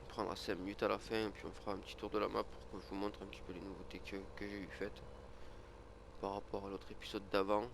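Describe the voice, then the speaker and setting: A gaming video creator with a cold, sniffling, talks casually over his farming game in a lowish, flat voice with vocal fry. He speaks fast and rambles with lots of fillers and restarts, and the background is noisy.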